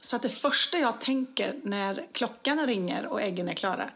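A woman's voice: medium pitch, gravelly. A woman chatting casually and telling funny everyday stories, acting out her own lines. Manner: lively storyteller, acts out own quotes. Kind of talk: casual chat, telling anecdotes.

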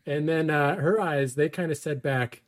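Here a man in his thirties, appearing as a storyteller guest, recounts a personal story in a relaxed, wry way, poking fun at himself and laughing a lot. His voice is on the high side, at a moderate pace.

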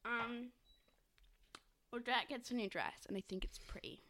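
A woman co-hosting a podcast in casual chat, quick and rambling with many fillers. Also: fairly high pitch, bright, forceful tone. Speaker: podcast co-host.

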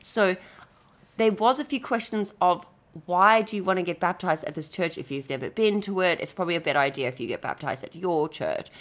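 A woman co-hosting a podcast in casual chat, teasing with a deadpan joking manner. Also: fairly low pitch, fairly quick. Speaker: podcast co-host.

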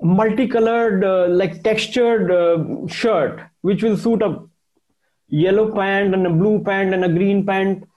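A journalist and author with a North Indian accent gives conversational interview answers in a high voice that's slow, darkish and fairly even in intonation. He speaks emphatically, repeating phrases and slipping Hindi into his English. The sound is lo-fi.

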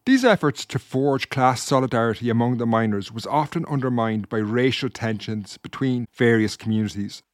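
A male documentary presenter with a mid-range voice reads scripted narration. His delivery is even and steady. The recording is dry, with no room sound. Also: mid-range voice, dry recording. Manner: even, read-aloud delivery. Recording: dry close studio sound.

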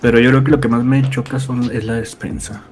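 A man's voice: medium pitch, flat delivery, a little fast, a little mellow. A man with a Mexican accent chatting casually in a grumbling, slangy way. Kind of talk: casual chat.

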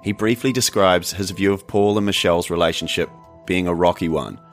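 A man narrates as the host of an investigative podcast. His voice sits low, and the script is delivered over faint music. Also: fairly even intonation, fairly quick. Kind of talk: scripted narration and interview questions.

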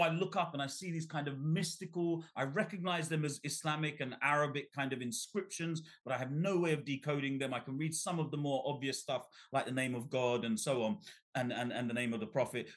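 Speaking as a guest author in an interview, a middle-aged man from Bangladesh recounts his story with energy, frequently starting over and repeating himself. His pitch is medium and his pace brisk.

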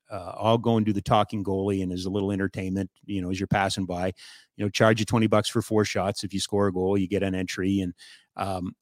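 A man's voice: on the low side, no room sound, studio quality. A man hosting a radio talk show, chatting casually with a guest and reading sponsor spots. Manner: joking, chatty, loose with fillers.

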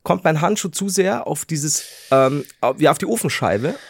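A man co-hosting a podcast, telling a story in casual chat, animated and laughing, acting out his own panic and dropping to a hushed mutter for quoted thoughts. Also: on the high side, normal speed, gravelly, no room sound. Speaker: podcast co-host.

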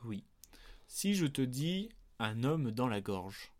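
On a laid-back movie quiz podcast, a man with a medium-pitched voice takes his time as he talks. Teasing and joking with his co-host, he keeps the chat playful, with lively swings in tone.

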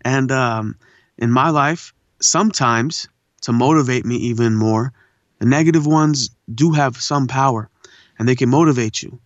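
Speaking unhurriedly at medium pitch, this man, a poet and voice actor, reflects easily during a casual interview and drops the word "man" a lot. He was born in India and grew up in Southern California. There's no echo, though the sound is dull.

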